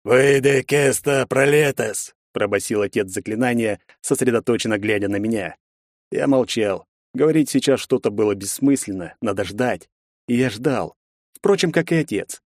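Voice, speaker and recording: A man's voice: fairly low pitch, a little mellow, no echo. Man narrating an audiobook, dry sound. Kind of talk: first-person audiobook narration.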